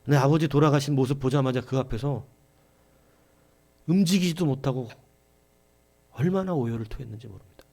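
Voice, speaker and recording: A middle-aged male pastor preaching a Sunday sermon with passion, dropping to a hush and rising to shouts, acting out quoted voices. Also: medium pitch, a little fast, long pauses. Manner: impassioned preaching, swinging from hushed to shouting.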